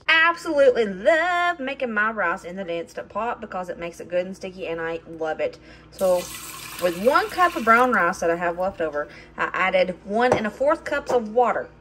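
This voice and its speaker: A woman's voice: mid-range voice, background noise. A woman in her thirties with a Southern US accent, chatting casually through a home cooking vlog in her kitchen. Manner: chatty, upbeat, narrates while cooking. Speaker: vlogger.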